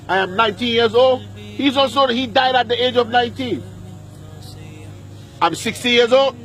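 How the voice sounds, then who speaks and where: In an outdoor graveyard, a man preaches a sermon in a very high, slightly bright voice. He repeats lines, puts questions to his listeners, and inserts Arabic verses between them.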